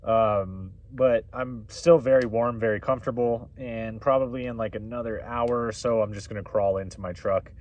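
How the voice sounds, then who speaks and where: A young man casually narrating a camping vlog outdoors, rambling and relaxed as he eats. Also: mid-range voice, moderate pace, few pauses, dull audio. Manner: relaxed, rambling, talks while eating. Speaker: camping vlogger. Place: outdoors at a mountain campsite.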